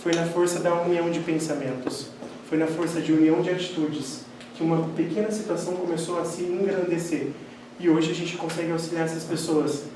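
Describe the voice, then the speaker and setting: A man gives a spiritist lecture, telling animated personal stories and acting out the dialogue. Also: a little high, fairly quick. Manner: animated storyteller who acts out quoted dialogue. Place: lecture hall of a spiritist center. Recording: very echoey hall, distant mic, faint noise.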